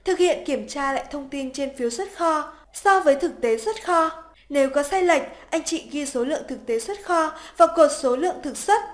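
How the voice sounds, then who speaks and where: A woman with a high, light voice reads scripted instructions for a software tutorial. Her delivery is polite, even and methodical, walking the listener through each step. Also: moderate pace. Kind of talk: scripted narration. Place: voice-over over screen recording.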